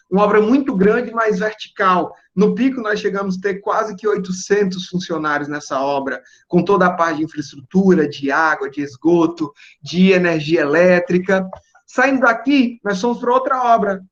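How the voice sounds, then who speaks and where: A young man, giving a relaxed, explanatory talk to students and checking in with "né?" and "certo?". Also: high voice, highs cut off. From Northeast Brazil. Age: young adult. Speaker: guest engineer speaking to students. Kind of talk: relaxed presentation over video call.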